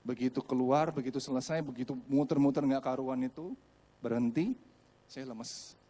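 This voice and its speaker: A man from Indonesia preaching a sermon in a church, telling a personal story with animated, acted-out voices and speaking directly to the congregation. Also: mid-range voice, normal speed. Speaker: pastor. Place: church hall.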